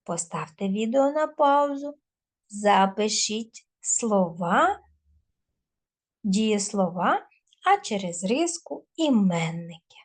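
A woman teacher giving a recorded video lesson to schoolchildren, dictating word lists slowly and clearly. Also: medium pitch, very animated.

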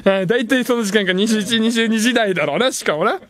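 A man hosting a late-night radio show, reading listener messages in playful, self-mocking banter and jumping suddenly into higher tones. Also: quick pace, a bit bright, a little hiss or hum. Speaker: radio host. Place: radio studio. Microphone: studio microphone.

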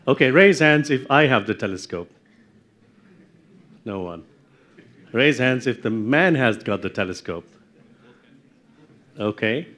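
A man's voice: medium pitch, animated, takes it slowly, pauses often, a bit bright. A middle-aged man giving a university lecture, explaining step by step and putting questions to his audience in a lecture room.

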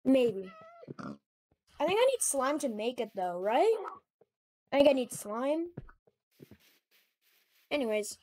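A woman giving casual, excitable commentary while playing a game, chatting to her animals as she goes. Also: high voice, slow, long pauses, no room sound. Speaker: gamer.

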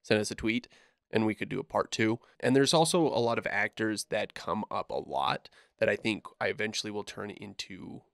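Gravelly low-voiced man hosting a podcast. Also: normal speed, dry recording, clean studio sound. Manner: relaxed, trailing off, frequent fillers. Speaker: podcast host. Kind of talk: casual podcast chat.

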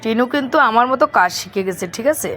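A middle-aged woman with a Bangladeshi Bengali accent, a little hoarse from a cold, chatting casually to viewers as a home vlogger in her kitchen. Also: on the high side, animated, a little fast, fairly bright tone, faint music behind. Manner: chatty, explains as she works. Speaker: vlog host. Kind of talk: casual home vlog chat.

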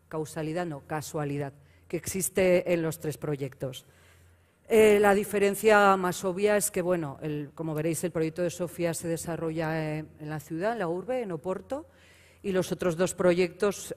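A middle-aged woman with a lowish, slightly mellow voice moderates a conference panel on stage in a large hall, with long reverb. She lists common points and introduces a speaker, briefly correcting herself.

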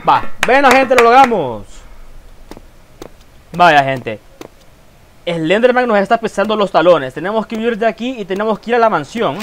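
A gaming YouTuber with a rather high voice gives let's play commentary on a horror game, excitable, swearing freely and calling out to viewers. He speaks at a moderate pace with long pauses, over a faint hiss.

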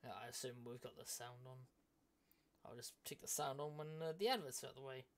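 A woman's voice: extremely low pitch, fairly quick. A woman livestreaming games in casual chat, musing aloud to viewers. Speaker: game livestreamer.

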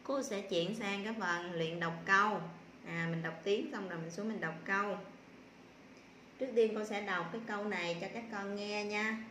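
A woman primary school teacher giving a slow spelling lesson to young children, patiently sounding out syllables one by one with filler pauses. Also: mid-range voice, steady tone, sharp tone, reverberant, a little hiss or hum.

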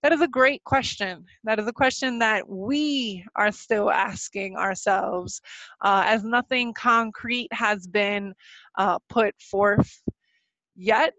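A woman's voice: medium pitch, fairly bright tone, no room sound. Nervous woman hosting a webinar. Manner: nervous, halting, many fillers and restarts. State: slightly sick voice. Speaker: webinar presenter. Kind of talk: live webinar presentation with Q&A. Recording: dull, lo-fi dry webinar audio.

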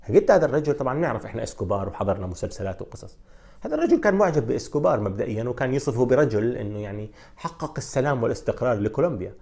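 A man with a Levantine Arabic accent hosting a football countdown video, telling the stories in a fast, animated way with frequent fillers. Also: medium pitch, gravelly, husky. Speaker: sports video host. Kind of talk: energetic football countdown commentary.

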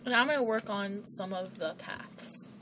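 A woman's voice: medium pitch, normal speed, noisy background. A woman giving casual commentary while she plays a game, chatting to her pets in the game. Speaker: gameplay streamer. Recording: music playing behind.

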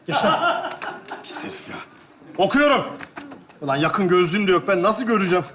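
A man playing an exasperated, impatient camper in a stage comedy sketch, with loud, cursing outbursts. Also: sits high, very animated, moderate pace, heavy background noise. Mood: grumbling. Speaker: comic actor in a sketch. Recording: roomy stage with loud audience laughter.

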